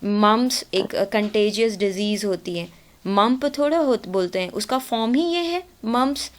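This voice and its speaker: A woman's voice: on the high side, moderate pace. A woman with an Indian accent teaching a grammar class. She explains patiently, switches between Hindi and English and keeps checking that students follow.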